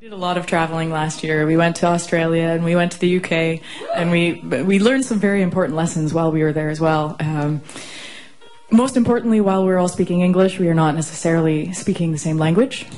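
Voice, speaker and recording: A woman's voice: fairly low pitch, fairly even intonation, brisk, darkish tone, faint music behind. Amused woman telling a stage story. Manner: amused, laughing through the anecdote. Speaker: band member on stage. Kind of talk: on-stage storytelling between songs. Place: concert stage. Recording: live concert recording with room noise.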